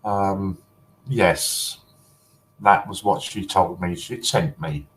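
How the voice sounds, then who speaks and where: A man's voice: low-pitched, slow pace, fairly bright tone, rough recording. A man hosting a casual collector livestream, chatty and teasing, often breaking into giggles.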